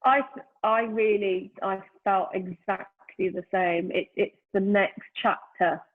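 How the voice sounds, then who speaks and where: This brand founder in her fifties talks slowly, her mid-range voice keeping a steady tone, as a guest in a reflective, casual interview conducted by remote call during lockdown. The line sounds tinny and phone-like, and she often searches thoughtfully for words, saying "you know."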